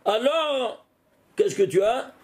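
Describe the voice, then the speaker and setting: A man, a rabbi, giving an animated Torah lesson, often exclaiming and putting questions straight to the listener. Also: very high voice, slow pace, slight background noise. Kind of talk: lively spoken Torah lesson.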